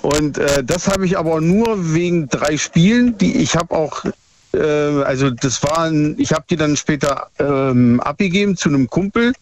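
Ein Mann in seinen Fünfzigern aus der ehemaligen DDR ruft bei einer Radiosendung an und erzählt stockend mit vielen „ähm“. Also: male voice, fairly high pitch, lively intonation, moderate pace. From former East Germany. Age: 50s. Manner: hesitant, many fillers. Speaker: caller. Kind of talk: phone call to radio show. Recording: muffled phone line, faint noise.

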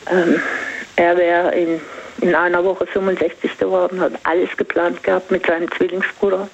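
Ältere Anruferin, stockend, dumpfer Telefonklang. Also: female voice, on the low side, flat delivery, normal speed, gravelly. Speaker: caller. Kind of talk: personal confiding talk. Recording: dull phone line.

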